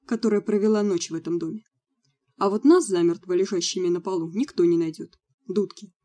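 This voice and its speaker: A woman's voice: medium pitch, mellow, lightly acted. Woman reading as a cocky young agency leader. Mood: assured.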